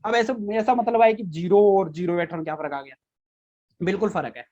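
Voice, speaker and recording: A man's voice: sits high, a little fast, lo-fi sound, a crowd in the background. A man teaching a physics class, repeating key points and quizzing his students with frequent questions. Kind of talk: live online class lecture.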